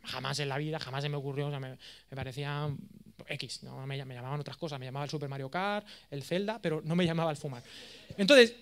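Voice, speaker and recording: A man in his thirties with an accent from Spain, giving a course lecture as a lively, self-mocking storyteller. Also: fairly high pitch, fast talker, clean tone. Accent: Spain Spanish. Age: 30s. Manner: animated, self-mocking, jokey.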